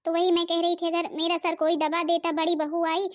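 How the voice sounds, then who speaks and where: A woman's voice: extremely high pitch, flat delivery, fairly quick. A woman voicing a fretful, self-pitying old mother-in-law in a cartoon, complaining plaintively. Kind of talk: Hindi cartoon voice acting.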